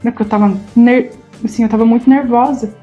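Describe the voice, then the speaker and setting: Woman, Brazilian Portuguese accent, 30s, vlog storytelling, mellow slightly high voice, stammering, acts out quotes. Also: steady tone, fast talker, muffled recording, faint music behind. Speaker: vlogger. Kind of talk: personal storytelling to camera.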